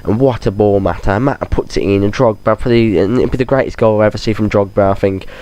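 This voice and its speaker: A gaming channel host with a cold talks about football over game footage in a fast, low, dark voice. He chats casually and rambles, often restarting his sentences.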